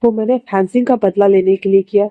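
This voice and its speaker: A woman voicing a remorseful young man who pleads softly for forgiveness in a storybook reading. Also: mid-range voice, fairly even intonation, quick pace, dry recording, phone-quality sound, natural voice. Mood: pleading.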